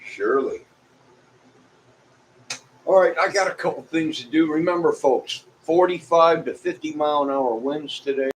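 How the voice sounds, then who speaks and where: Speaking at a normal speed but pausing often, a middle-aged or older Illinois vlogger with a Midwestern accent rambles casually and folksily to his viewers. His voice is fairly high in pitch. The recording is rough, with clear background noise.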